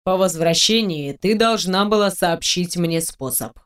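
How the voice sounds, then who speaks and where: A reader voicing a cunning, powerful male mage lord who speaks calmly and tersely in an audiobook. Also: mid-range voice, unhurried, smooth, close to an everyday voice. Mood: explaining. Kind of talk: audiobook character voice.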